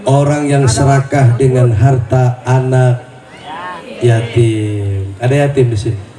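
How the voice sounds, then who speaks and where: A man's voice: medium pitch, steady tone, takes it slowly. A male preacher giving a humorous sermon, teasing the congregation with questions and jokes. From Indonesia. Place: mosque gathering with crowd. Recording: echoey hall, voice from far off, crowd noise.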